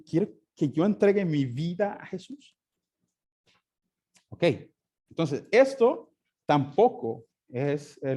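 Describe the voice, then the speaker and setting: A man's voice: on the high side, warm tone. A man teaching a Sunday school class, often asking his listeners questions and answering them himself. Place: church classroom.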